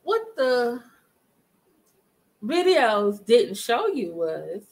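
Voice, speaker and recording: A woman's voice: fairly high pitch, big pitch swings, drawn-out words, poor audio. A middle-aged woman hosting a casual live commentary stream from her living room, talking emphatically and greeting chat viewers. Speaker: livestream commentary host. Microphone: webcam at desk distance.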